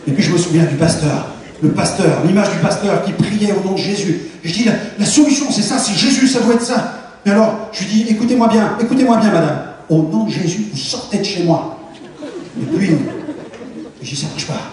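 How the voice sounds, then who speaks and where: A man's voice: sits high, fairly quick, a little mellow, a little hiss or hum. A man giving a fervent, dramatic testimony sermon in a large church hall. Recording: echoey hall, distant mic.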